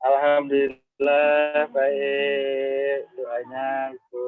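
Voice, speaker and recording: A man's voice: mid-range voice, completely flat delivery, extremely slow. A man calling in while driving on a toll road, his voice breaking up over a choppy call, giving short, pious replies. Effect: choppy call audio that keeps breaking up. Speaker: webinar participant calling in. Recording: tinny, breaking-up phone line from far off.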